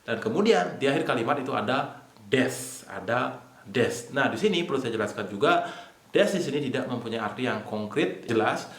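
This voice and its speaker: A man teaching a casual online language lesson, explaining slowly step by step and repeating key points. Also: mid-range voice, animated, fairly bright tone. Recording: echoey room.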